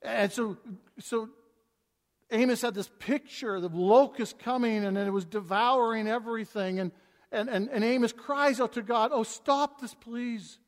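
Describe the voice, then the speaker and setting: A man preaching an expository sermon, reading scripture aloud and swinging between hushed and emphatic delivery, with stumbling restarts. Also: high voice, moderate pace. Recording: long reverb of a large hall.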